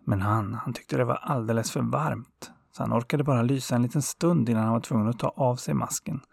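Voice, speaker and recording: A man tells a folktale in a calm, unhurried way, with the odd small filler. His voice has a strong gravelly fry and a husky grain. The recording is dry and close. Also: mid-range voice, no echo. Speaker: storyteller. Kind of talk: oral folktale narration.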